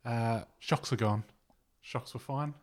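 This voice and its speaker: Mid-pitched guy, wry jokey podcast host. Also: slow. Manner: wry, joking. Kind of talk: casual chat.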